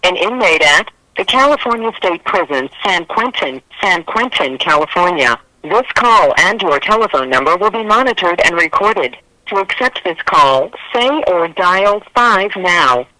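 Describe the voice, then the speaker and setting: A recorded male voice announcing a prepaid call over a prison phone line in a flat, measured way. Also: sits high, dry recording. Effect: recorded message over a prison phone line. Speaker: automated call system prompt.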